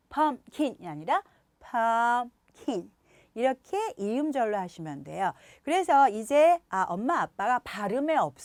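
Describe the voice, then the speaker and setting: Lively woman teaching pronunciation. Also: mid-range voice, dry recording. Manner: slow, drawn-out demonstration words between explanations. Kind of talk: video lesson for parents.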